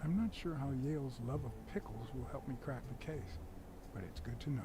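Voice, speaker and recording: An actor playing a world-weary, wry noir detective in a video game, musing in a dry deadpan. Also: male voice, mid-range voice, brisk, lightly acted. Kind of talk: video game voice acting, inner monologue. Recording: game audio under loud music. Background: music.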